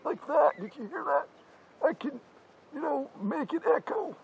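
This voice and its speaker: A man doing a yelling, exasperated masked slasher. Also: expressive, moderate pace, vocal fry, lo-fi sound, a little hiss or hum, exaggerated voice. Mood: ranting. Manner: high, yelling rants, frantic and crude. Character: older weary masked slasher, loud and exasperated. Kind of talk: comedy parody sketch.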